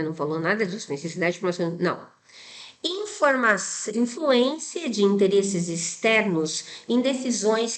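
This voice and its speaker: Brazilian woman teaching exam grammar. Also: medium pitch. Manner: didactic, many tag questions, spells out rules step by step. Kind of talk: explaining exam answers.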